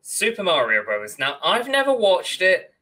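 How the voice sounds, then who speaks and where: In a casual, opinionated podcast discussion held over video call, a young co-host rants emphatically with some mild swearing. His voice is high, with huge pitch swings, a moderate pace, and a sharp tone. He is indoors, and the audio is poor.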